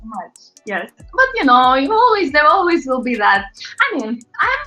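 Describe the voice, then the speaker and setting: A woman from Latvia, a pop singer guest, chatting in a lively, animated way in an interview. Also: high voice, normal speed. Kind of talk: casual interview talk. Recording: roomy, slightly muffled sound with faint music.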